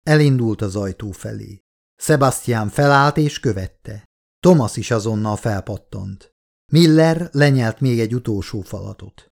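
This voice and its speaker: A male audiobook reader giving steady, measured narration of a novel. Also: fairly low pitch, creaky. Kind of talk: scripted narration.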